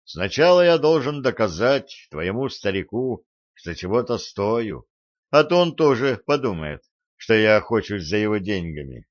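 Smooth-talking lying young man, read by a man, eager, persuasive, low voice, slow, dry dull audiobook sound. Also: sing-song, no room sound.

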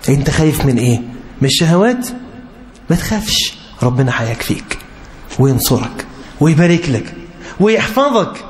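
Egyptian male preacher, high-pitched, impassioned sermon delivery, faint noise behind. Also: big pitch swings, normal speed, pauses often. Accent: Egyptian Arabic. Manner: impassioned, rising to high emphatic pleas.

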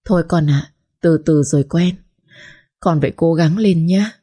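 A woman voicing an elderly mother who gently soothes and reassures her daughter. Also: deep voice, a little slow, husky. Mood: soothing.

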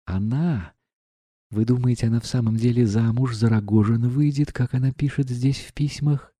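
Мужчина-чтец, озвучивающий гордую страстную молодую дворянку, говорит взволнованно и с упрёком. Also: male voice, mid-range voice, steady tone, moderate pace, mellow, no room sound, studio quality, close to an everyday voice. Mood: reproachful. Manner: agitated, reproachful questioning. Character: proud passionate young noblewoman.

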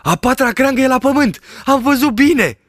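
A man voicing an awestruck, superstitious village shepherd in an audiobook reading, with a high, exclaiming voice. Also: animated, dry recording, clean studio sound. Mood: alarmed.

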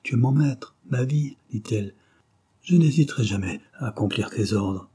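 A man's voice: medium pitch, moderate pace, warm tone, slightly rough, close to an everyday voice. A man voicing a passionate young woman devoted to her lover, reading a novel aloud in a fervent, pleading way.

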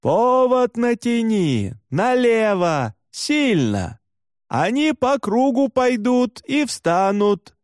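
A man reading an audiobook, voicing an older reindeer herder who gives steady, practical instructions. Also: a little high, measured pace, dry recording, studio quality. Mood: shouting. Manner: steady instructing, calls out loudly from afar. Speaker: reindeer herder teaching the boy.

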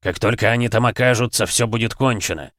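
A man's voice: fairly low pitch, fast talker, a bit bright, dry recording, clean studio sound, lightly acted. A man voicing an agitated, blunt male coordinator in an audiobook.

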